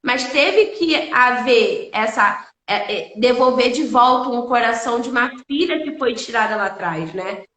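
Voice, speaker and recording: A woman hosts a live stream and shares a personal faith testimony in a high, bright voice. She speaks earnestly and emotionally, circling back to repeat key phrases. Her voice carries a noticeable echo from the room. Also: expressive, measured pace, few pauses.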